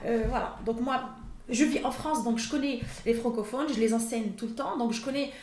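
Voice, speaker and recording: A Quran teacher with Arabic as her first language talks informally in an interview, hesitant and full of fillers and restarts, in an echoey room. Her voice runs on the high side with a darkish tone and a slightly fast pace, and a little hiss or hum can be heard.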